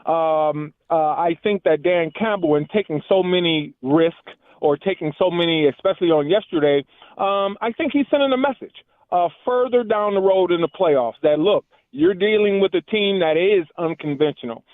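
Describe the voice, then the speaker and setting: This man phones a talk-radio program, his high voice at a moderate pace with no room sound. The line is muffled as if underwater, and he builds his argument earnestly, with several restarts.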